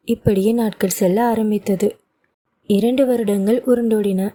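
Woman narrator, audio novel, scripted storytelling, mellow tone. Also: medium pitch, dry recording. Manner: steady, measured storytelling.

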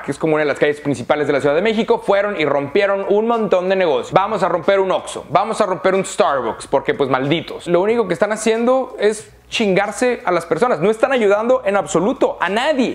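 A young man from Monterrey with a northern Mexican accent, giving a blunt, profane opinion rant straight to camera. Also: high-pitched. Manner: blunt, profane and heated, mocking voices. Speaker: vlogger.

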